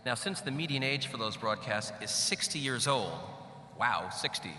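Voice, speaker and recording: Man, middle-aged, commencement speaker, big hall echo, long reverb, sharp bright voice, wry asides. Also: mid-range voice, animated, normal speed. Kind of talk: graduation speech. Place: large hall. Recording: echoey large hall, faint hum.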